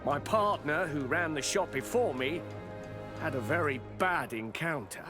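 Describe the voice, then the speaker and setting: A man plays a courteous but fearful male shopkeeper under threat in a video game, hesitant and guarded as he speaks, his mood nervous. His voice sits on the high side, animated and a little slow, with music behind it.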